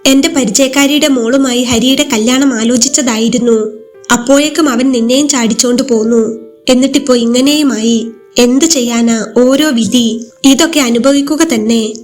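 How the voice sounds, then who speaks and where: A woman's voice: on the high side, fairly even intonation, normal speed, faint music behind, natural voice. A woman voicing a cold, mocking mother-in-law in a storybook reading. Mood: scornful. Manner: mocking, disdainful.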